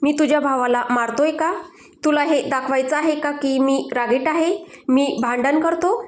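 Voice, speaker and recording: A woman's voice: high-pitched, moderate pace, echoey room, lightly acted. A woman voicing an angry, domineering young husband in a storybook, speaking harshly and accusingly. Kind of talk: storybook narration.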